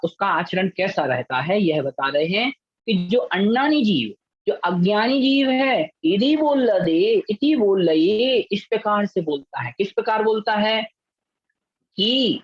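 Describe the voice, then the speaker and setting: Slow, low-pitched woman teaching scripture. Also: slightly rough, dry recording, muffled recording. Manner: explains then drills verse word by word, repeating each. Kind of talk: scripture lesson with slow syllable-by-syllable chanting.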